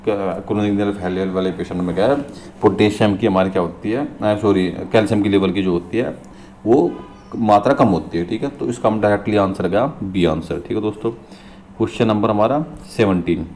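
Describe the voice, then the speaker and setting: Working through nursing exam questions, a mellow, low-voiced man reads the English text slowly before explaining it in Hindi, going over key terms again. He treats viewers as friends, frequently checking in with "theek hai," over a faint background hiss.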